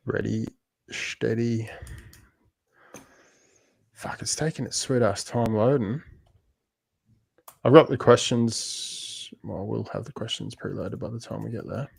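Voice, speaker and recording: A man co-hosting a casual sports podcast, talking in a blokey, sweary, halting way with his mates. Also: on the low side, steady tone, creaky, breathy edge, dry recording. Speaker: podcast co-host.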